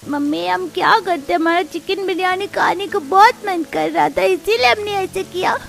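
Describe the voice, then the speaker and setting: A woman's voice: very high voice, moderate pace, gravelly. A woman voicing poor, hungry young village children, a boy and a girl, who plead and stammer in a cartoon. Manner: pleading, stammering when upset. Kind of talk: Hindi cartoon voice acting.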